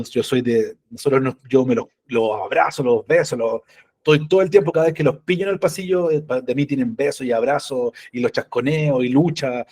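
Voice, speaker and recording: A man's voice: mid-range voice, dark tone, husky. A middle-aged man, giving a conversational church parenting talk and often checking in with the audience. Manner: tells personal stories with playful humor.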